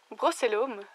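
A young woman with a slightly raised pitch and an unhurried pace talks through a card opening. Her voice carries a faint hoarseness left over from an illness. She is chatty and quick to exclaim over the cards she likes. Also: fairly bright tone. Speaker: YouTuber opening trading cards. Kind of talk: casual card-opening commentary.

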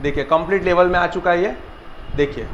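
Showing off a laser leveler, a man who owns a tool shop walks viewers through it step by step and keeps urging them to look in this casual demo. His voice sits high and he talks briskly. Another person filmed him on a handheld camera in a small indoor room lined with shelves, where the sound is echoey, a bit dull, with faint noise.

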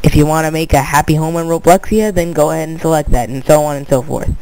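With a blocked nose and some vocal fry, the young man talks quickly in a somewhat mellow, higher-leaning voice as he casually narrates a screen-recorded tutorial. He wanders off topic, restarts words, and keeps repeating "but anyway." The audio is poor.

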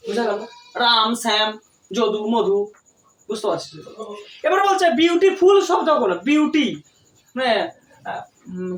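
A woman tutor teaching a classroom lesson, explaining step by step and often asking her students questions. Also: sits high. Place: tuition classroom. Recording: echoey room, distant mic, faint noise.

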